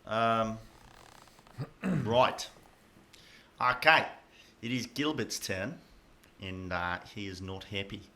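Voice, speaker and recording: A man's voice: on the low side, lively intonation, slow pace, long pauses, bright, forceful tone. A man narrating as dungeon master in a loose, casual way full of fillers. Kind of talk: narrating a tabletop game.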